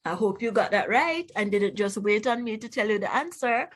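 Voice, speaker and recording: A woman with a Jamaican accent, speaking at medium pitch and normal speed, reads aloud to children in an animated phonics lesson. Like a teacher, she enunciates words instructively and asks the listener questions.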